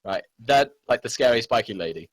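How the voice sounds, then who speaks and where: A man playing in a tabletop game, joking and excitable. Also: medium pitch, fairly quick, no room sound. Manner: excitable, jokey. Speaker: player. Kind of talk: casual tabletop role-play.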